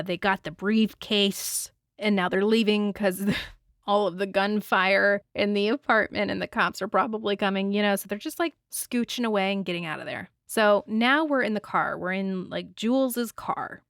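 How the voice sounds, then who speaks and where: Woman podcast host, casual movie talk, animated, swears freely, dry close sound. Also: mid-range voice, clean tone, no room sound. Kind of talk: casual solo movie review.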